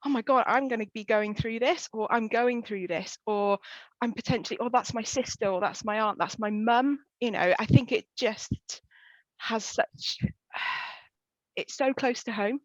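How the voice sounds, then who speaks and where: A woman's voice: on the high side, unhurried, no echo, lo-fi sound. A woman with a Welsh accent, a pelvic health physio, chatting casually in an interview with lots of fillers. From West Wales. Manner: chatty, frequent fillers, quoting herself.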